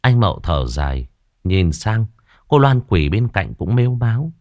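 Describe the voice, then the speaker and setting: A man narrating a ghost story audiobook in an expressive, dramatic manner. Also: on the low side, moderate pace, no room sound, studio quality.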